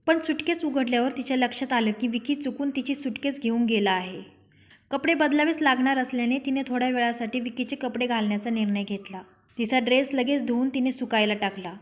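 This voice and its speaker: A young woman narrating her own written love story, reading every character's lines herself. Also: fairly high pitch.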